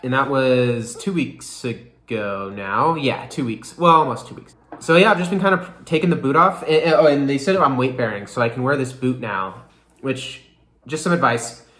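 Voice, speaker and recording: A man's voice: medium pitch, moderate pace, a bit bright. Young guy vlogging a casual update, rambly, lots of likes, roomy echo. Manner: rambling, lots of fillers like "you know" and "like". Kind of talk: casual recovery update vlog.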